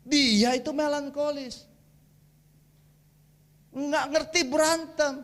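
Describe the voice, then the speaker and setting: A man with a notably high voice delivers a sermon in a church. He talks in loose, slangy storytelling and mixes jokes with teaching about family life. The tone stays casual and animated throughout. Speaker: guest preacher. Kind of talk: humorous sermon.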